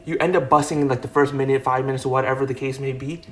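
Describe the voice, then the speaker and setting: Fast-talking young man, blunt and profane. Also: mid-range voice, fairly even intonation, fairly bright tone. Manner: fast, profane, emphatic, full of fillers like "like" and "right". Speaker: self-improvement video host. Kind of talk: blunt motivational talk to camera. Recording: faint music underneath.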